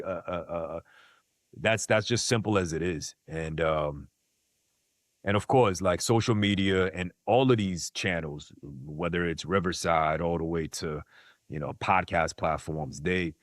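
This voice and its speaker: Here's a content creator on a podcast, a man born in South Korea who grew up in Queens, New York. His voice sits low, and the clean studio recording has no echo. He's slangy and casual as an interview guest, leaning on "like" and "you know what I mean" to make sure you're following.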